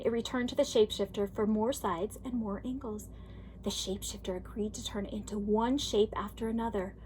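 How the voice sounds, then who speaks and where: Reading a children's storybook to an imagined class, a woman uses expressive, deliberate, emphatic phrasing in the manner of a teacher. Her voice is fairly high and a bit bright, though the audio is poor.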